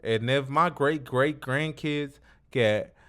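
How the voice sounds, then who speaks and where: The voice is a man's, mid-range, slow and fairly bright. Hosting a casual chat-style interview, he talks in profane street language, emphatic and full of repetition.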